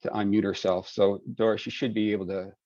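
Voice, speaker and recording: Very deep man, easygoing webinar moderator on a dry, lo-fi call. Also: brisk, dry recording. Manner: relaxed, filler-heavy, folksy phrasing. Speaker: webinar moderator and project lead. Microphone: video call. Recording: dry, dull video call audio.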